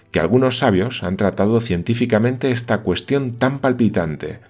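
A man voicing a calm, politely ironic young painter in an audiobook. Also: sits low, exaggerated voice.

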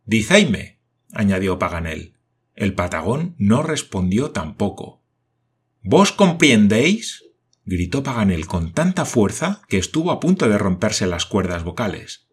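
Husky low-voiced male narrator. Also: moderate pace. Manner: even storytelling reading. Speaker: audiobook narrator. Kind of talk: scripted narration.

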